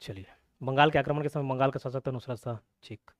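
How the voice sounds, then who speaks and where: A man's voice: medium pitch, fairly even intonation, fast talker, dry recording, studio quality. A young man, giving a casual exam-prep lecture with playful memory tricks, checking in often with his students. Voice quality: chatty, repeats check-ins like "okay" and "clear". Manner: playful mnemonics, laughs at own jokes. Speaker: exam coaching teacher.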